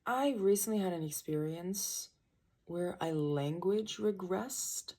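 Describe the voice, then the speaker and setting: Speaking slowly in a lowish, dark voice, a young woman rambles through a relaxed early-morning tarot reading at home, trailing off and interrupting herself. Birds chirp outside the small room, which is described as being at night.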